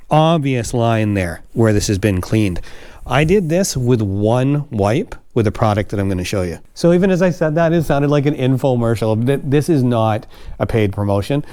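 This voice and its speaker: A Canadian man with a medium voice talks through a hands-on how-to in a casual vlog. He is chatty and self-mocking, and his pitch jumps up when he gets excited. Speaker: host.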